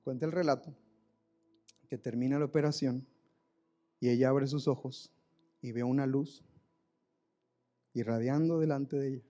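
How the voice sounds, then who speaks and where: A man's voice: medium pitch, fairly even intonation, moderate pace, pauses often, mellow, faint music behind. A man preaching a live church sermon, telling a story with emotion and often repeating words. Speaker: pastor. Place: church service, recorded live.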